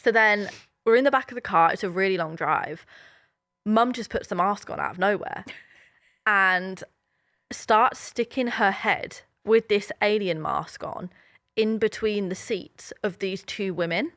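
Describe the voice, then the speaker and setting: A woman's voice: mid-range voice, measured pace, fairly bright tone, no echo, clean studio sound. A woman in her twenties, co-hosting a podcast and telling stories in a chatty, rambling way full of fillers. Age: 20s. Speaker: podcast co-host. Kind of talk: casual chat.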